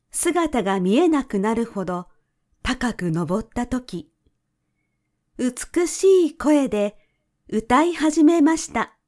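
Slow, gentle woman storyteller. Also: fairly high pitch. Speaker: narrator. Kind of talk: storybook narration.

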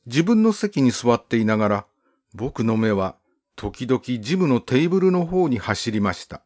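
Man, audiobook narrator, measured storytelling, animated intonation, mid-pitched voice. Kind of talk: calm literary storybook narration.

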